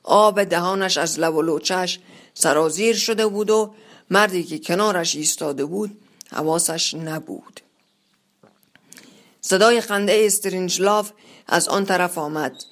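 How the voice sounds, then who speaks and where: A narrator reading a literary story aloud in a measured, first-person voice. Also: mid-range voice, fairly bright tone.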